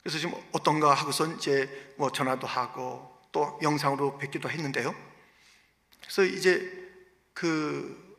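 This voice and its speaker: A man preaching a sermon as pastor, swinging between loud, stirring lines and hushed, almost whispered storytelling. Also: fairly high pitch, creaky. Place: church sanctuary. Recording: reverberant church hall.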